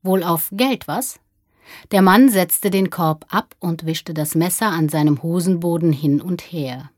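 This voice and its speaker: A woman reads a literary story aloud with calm, measured pacing. Her voice is low and husky. The sound is close and dry. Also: dry recording. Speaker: reader. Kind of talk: scripted narration of a literary story.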